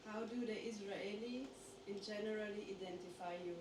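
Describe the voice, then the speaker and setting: A woman's voice: mid-range voice, normal speed. A woman reading interview questions aloud in a plain, brief way. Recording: roomy, distant mic with clear noise.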